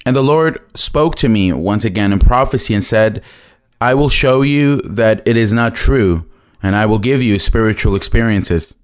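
A man interpreting a testimony live in a church hall, measured and plain, holding a handheld mic. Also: fairly low pitch.

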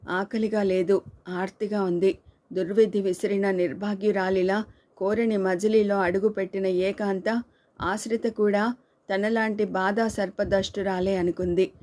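Female audiobook narrator, mid-pitched, steady scripted reading with light character shading. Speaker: storyteller.

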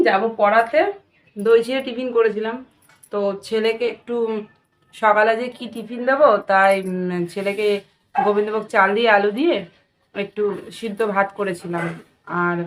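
Chatty woman vlogger talking to viewers. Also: medium pitch. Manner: talks directly to viewers, friendly and chatty. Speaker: vlogger and home tutor. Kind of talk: casual chatty daily vlog.

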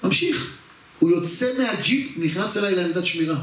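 A man's voice: high-pitched, lively intonation, a bit bright. A man, a rabbi, telling a personal story during a religious talk, addressing the audience directly and acting out the scenes. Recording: very echoey hall, far from the mic.

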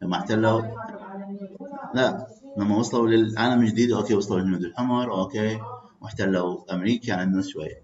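A man with an Iraqi accent teaching English vocabulary, switching between English and Arabic, repeating words slowly and checking in with "okay" and "clear". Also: fairly low pitch, fairly even intonation, darkish tone. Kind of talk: bilingual classroom lecture. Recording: echoey muffled classroom recording.

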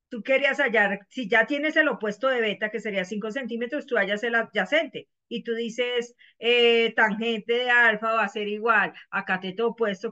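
A woman's voice: a little high, sharp tone, lo-fi sound. A woman teaching math in an online class, patiently explaining and asking her students questions over and over.

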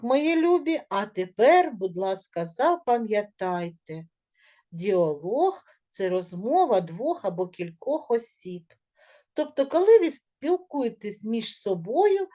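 A middle-aged woman with a medium-pitched, darkish voice teaches a video lesson to young children. She encourages them and drills syllables in a sing-song way, as a primary school teacher would.

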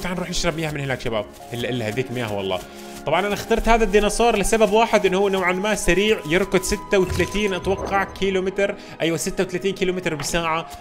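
Rapid-fire excitable man gaming. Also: fairly high pitch. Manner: excitable, constantly talking to viewers as "guys". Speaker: gaming channel host. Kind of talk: let's-play game commentary.

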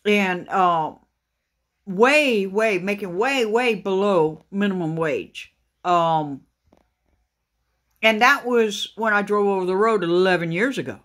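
A man, a truck driver, talking casually and haltingly to his viewers, with many fillers and restarts. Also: high voice, fairly bright tone. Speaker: trucker vlogger. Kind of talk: casual talk to camera. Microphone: phone camera pointed at a laptop screen.

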